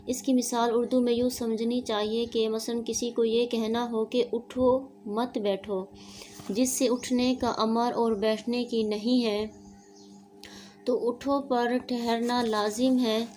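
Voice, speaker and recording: A woman teaching an online Quran lesson, explaining step by step in a steady teaching manner and slipping in English words. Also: fairly high pitch, a little hiss or hum.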